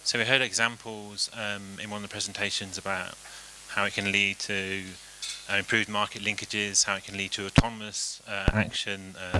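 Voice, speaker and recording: A man presenting his group's reasons at a conference, measured and with frequent ums. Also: lowish voice, a bit bright, slight background noise.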